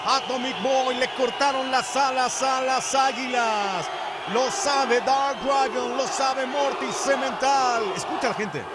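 A Mexican man gives dramatic live commentary as a wrestling commentator. His high voice is theatrical and emphatic, set against heavy noise and a loud arena crowd. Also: fairly even intonation, takes it slowly. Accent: Mexican Spanish.

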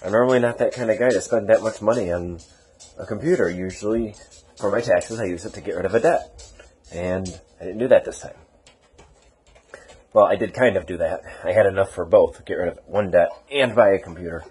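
A young man with a somewhat low voice rambles casually on a home vlog, filmed on a handheld camera. He teases his dog and mocks himself as he goes. A faint hiss sits under the recording. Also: brisk, darkish tone. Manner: rambling, self-mocking, teasing the dog. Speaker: vlogger. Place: at home, indoors.

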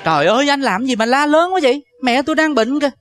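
A woman's voice: sits high, lively intonation, fast talker. Woman playing a mournful young male scholar. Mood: pleading. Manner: pleading, mournful. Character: poor devoted young male scholar caring for his mother. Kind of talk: sung and spoken Vietnamese opera role. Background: loud traditional music.

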